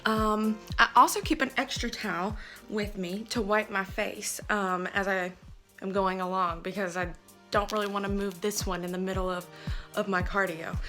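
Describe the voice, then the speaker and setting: A woman in her thirties from the States, chatting casually in a home vlog and filling pauses with "um". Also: medium pitch, steady tone, bright, forceful tone, soft background music. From Southern US. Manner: chatty, frequent "um" fillers. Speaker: family vlogger.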